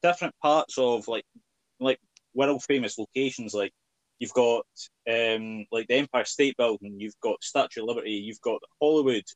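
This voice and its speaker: A man's voice: medium pitch, moderate pace, dry recording, rough recording. A man with a strong Scottish accent chatting casually and jokily as a podcast host, rambling a little as he goes. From Scotland. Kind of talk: casual interview chat.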